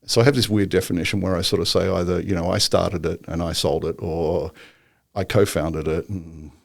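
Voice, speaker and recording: A man with a deep voice and a gravelly, creaky edge talks at length as a podcast guest. He meanders through fillers, restarts and little jokes. The sound is dry and close. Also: fairly even intonation, normal speed, dry recording. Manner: rambling, filler-heavy, joking. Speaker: guest entrepreneur. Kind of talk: casual interview chat.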